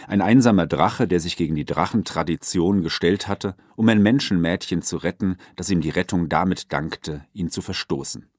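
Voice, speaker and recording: A man narrating a chapter of a storybook with an expressive, lively delivery. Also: sits low, no room sound. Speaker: audiobook narrator. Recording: dry close recording.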